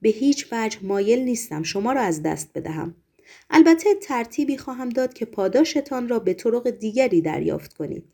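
A woman voicing a stern, probing male Roman governor who asks measured, formal questions. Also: on the high side, lively intonation, gravelly, mellow.

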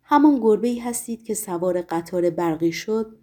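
A woman voicing a gentle, weary male writer who speaks hesitantly and resignedly. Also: high voice, animated.

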